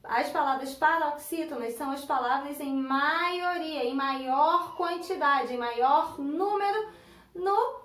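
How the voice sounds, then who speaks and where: In a recorded online class, a Brazilian woman with a high, slightly bright voice and a Brazilian Portuguese accent teaches grammar at a slow pace. She patiently splits words into syllables and repeats them. The room is echoey, and her voice sounds distant.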